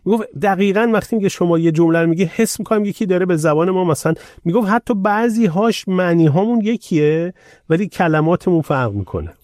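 A man's voice: high-pitched, lively intonation, a little mellow, dry recording, studio quality. A man hosting a casual podcast, reading out listener questions and chatting in a conversational way. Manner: conversational, tells anecdotes, reads out listener questions.

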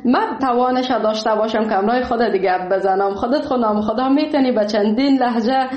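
A woman radio host with a Kabuli Dari accent, welcoming callers warmly and laughing often. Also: fairly high pitch, roomy sound. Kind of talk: phone-in radio chat. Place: radio studio.

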